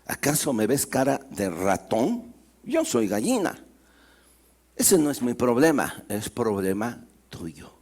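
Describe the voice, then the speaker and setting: A man's voice: mid-range voice, sing-song, slow, darkish tone, pitched below the performer's own voice. A man voicing a smug female hen who brushes off a plea in a curt, dismissive way.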